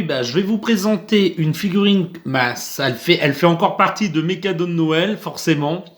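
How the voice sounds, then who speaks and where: A man's voice: a little high, fairly bright tone. A man hosting his own unboxing vlog, talking casually with lots of hesitations and fillers while he opens a box indoors. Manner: chatty, hesitant, many fillers. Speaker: unboxing channel host. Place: indoors under artificial light.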